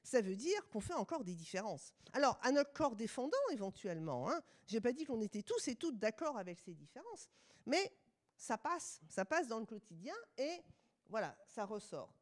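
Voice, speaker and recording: French woman, middle-aged, conference lecture, ironic asides, animated higher voice. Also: normal speed. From France.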